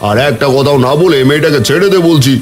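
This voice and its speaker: A man's voice: fairly high pitch, quick pace, a little hiss or hum, close to an everyday voice. A man voicing a kindly but firm village headman who is also a poor fisherman. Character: kind middle-aged village headman and fisherman.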